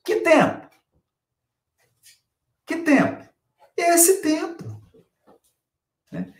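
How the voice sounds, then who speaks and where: A man's voice: sits high, echoey room. A Brazilian man giving a spiritual lecture on scripture, emphatic, repeating key phrases and asking rhetorical questions.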